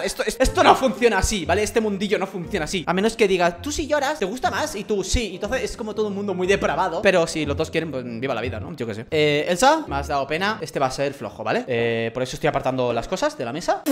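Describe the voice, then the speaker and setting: Brief: Spain Spanish let's-play host, mid pitch, very animated delivery, shouts and mutters, faint music underneath. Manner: animated, jokey, swings between shouts and mutters. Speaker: gaming YouTuber. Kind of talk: comedic let's-play commentary.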